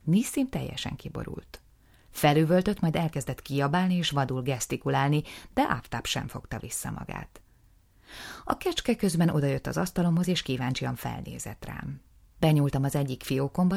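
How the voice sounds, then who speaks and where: A woman reading a first-person audiobook, calm and wry in a measured scripted narration. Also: a bass voice, gravelly.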